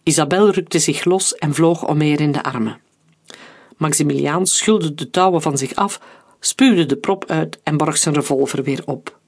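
A narrator reading an adventure story aloud in a steady, dramatic audiobook style. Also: medium pitch, normal speed.

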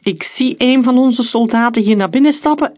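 A narrator doing a brutal shouting soldier. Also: mid-range voice, moderate pace, pitched above the performer's own voice, natural voice. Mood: scornful brutality. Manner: shouting, scornful. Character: brutal, leering male German soldier.

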